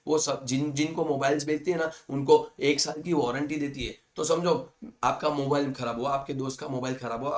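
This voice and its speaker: Hindi-English accounting teacher, slightly high voice. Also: male voice. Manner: mixes Hindi with English, reads definitions slowly then explains fast; addresses students as guys, repeats points. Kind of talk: lecture explaining slides.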